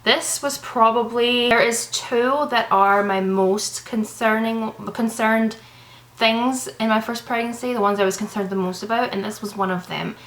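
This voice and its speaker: A woman's voice: on the high side, steady tone, moderate pace, fairly bright tone, poor audio. Breathless chatty young woman vlogging. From Canada. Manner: rambling, chatty, reassuring. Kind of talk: casual chat to camera. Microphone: camera mic.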